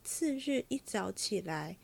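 A woman's voice: medium pitch, animated, takes it slowly, vocal fry. Woman reading a classic novel aloud.

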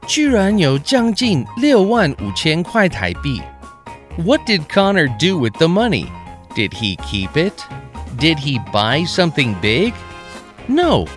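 A man presenting scripted bilingual news stories for young learners, with simple, careful, expressive phrasing. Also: on the high side. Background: background music.

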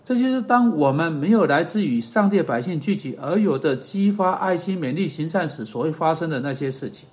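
A man giving an earnest sermon-style podcast teaching that closes in prayer, pausing on fillers and correcting himself as he goes. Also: on the high side, lively intonation, a little mellow. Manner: earnest, measured, with hesitant fillers and self-corrections.

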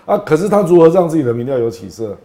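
High-pitched Taiwanese-accented male political commentator. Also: sing-song, fast, mellow. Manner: colloquial, emphatic, ends phrases with particles.

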